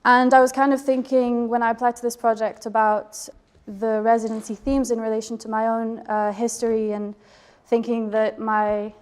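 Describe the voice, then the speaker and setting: A woman's voice: fairly high pitch, darkish tone. A woman from the Geneva border area with an indeterminate mix of English and French in her accent, giving a hesitant, reflective talk to an audience about her photography project. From Geneva border area, Switzerland/France. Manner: hesitant, many ums, reflective.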